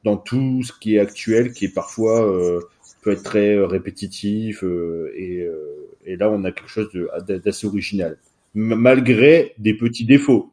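A man's voice: on the low side, moderate pace, warm tone. A man co-hosting a casual chat, enthusiastic, often restarting his sentences. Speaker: podcast co-host. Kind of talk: casual chat about manga.

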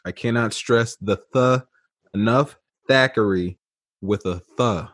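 A man's voice: mid-range voice, a little slow, no room sound, clean studio sound. A man co-hosting a podcast, chatting casually about a film with wry jokes. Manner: joking, wry asides. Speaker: podcast co-host. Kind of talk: casual movie-review chat.

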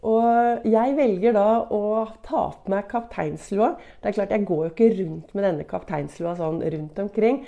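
A woman's voice: medium pitch, vocal fry, few pauses, mellow, lo-fi sound. A middle-aged woman hosting a motivational podcast, coaching upbeat and often asking "ikke sant". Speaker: podcast host and motivational speaker.

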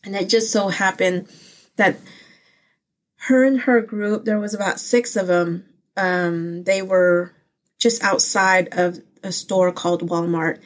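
This woman's mid-range voice moves slowly, with fairly even intonation. She hosts a casual personal faith vlog, earnest and heartfelt, rambling with plenty of fillers and restarts. Born in the Philippines, she grew up with Pangasinan and Ilocano as her first languages.

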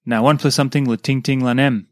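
A man's voice: medium pitch, fairly even intonation, fast, no room sound, clean studio sound. A man with a Papua New Guinean accent reading a scripted devotional. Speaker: devotional reader. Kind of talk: scripted devotional narration in Tok Pisin.

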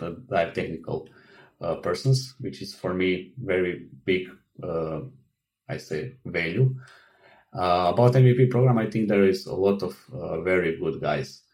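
Man, very deep voice, halting, lots of fillers, interview guest. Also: a little mellow, rough recording. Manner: halting, many fillers and restarts, non-native grammar. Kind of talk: interview answers.

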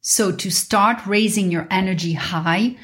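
A woman's voice: medium pitch, a little slow. A woman podcast host teaching in an earnest, instructive spiritual guru manner, in a motivational monologue.

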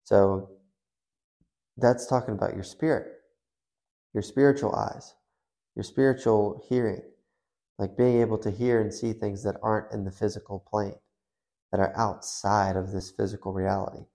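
Gravelly low-voiced male podcast host. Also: fairly even intonation, moderate pace, pauses often, mellow. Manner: loose and conversational, full of fillers and hypotheticals. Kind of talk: casual faith podcast monologue.

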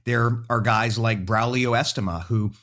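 Steady, explanatory podcast host. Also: male voice, medium pitch, a little slow. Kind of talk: casual chat.

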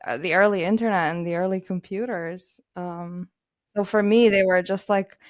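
A woman's voice: mid-range voice, steady tone, normal speed, no echo, clean studio sound. A woman in her thirties from Romania, chatting as an interview guest with many fillers and frequent laughs. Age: 30s. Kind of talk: casual interview.

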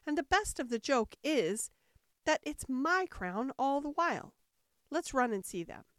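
A woman's voice: sits high, sing-song, a little slow, a bit bright, no room sound, studio quality, pitched above the performer's own voice, heavily acted. A woman voicing a fussy, easily alarmed and impatient king in a storybook reading, with a petulant, pedantic manner. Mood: brisk. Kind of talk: storybook character voice.

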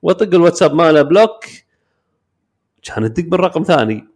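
A young man with a Kuwaiti Arabic accent tells stories on a casual podcast. His voice sits high and swings widely in pitch, and he talks quickly. He acts out the other people's lines as he goes. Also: breathy edge. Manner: animated storyteller, acts out voices in quoted dialogue. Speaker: podcast co-host. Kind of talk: casual chat.

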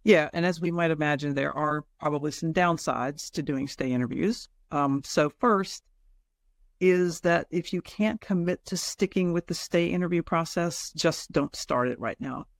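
A man's voice: a little high, normal speed, creaky, no room sound, clean studio sound. A man hosting a podcast, giving semi-scripted practical advice. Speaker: podcast host.

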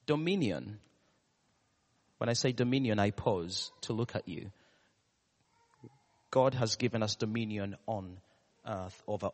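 A male preacher with a Ugandan, East African accent speaks in a reverberant hall. His delivery is slow and deliberate, with pauses and repeated key words. He turns to the congregation with questions as he preaches. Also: mid-range voice, a bit bright, slightly rough. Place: large reverberant room, live church service. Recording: echoey hall with long reverb.

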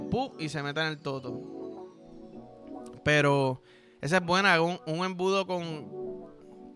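A man's voice: fairly high pitch, pushed and bright. A man with a Puerto Rican accent hosting a podcast, rambling through a crude comic monologue full of slang. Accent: Puerto Rican Spanish. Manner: rambling, vulgar, joking, heavy slang. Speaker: podcast host.

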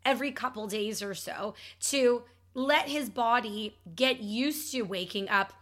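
High-voiced upbeat woman giving advice. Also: a little slow, fairly bright tone. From Ontario, Canada. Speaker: podcast host and child sleep coach. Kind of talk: advice podcast monologue.

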